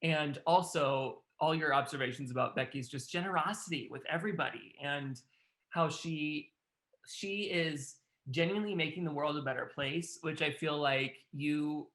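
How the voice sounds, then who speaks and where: Effusive, bright-voiced man in an echoey room. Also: on the high side. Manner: effusive, warmly enthusiastic praise. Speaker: host interviewer. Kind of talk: casual interview on video call. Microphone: video call.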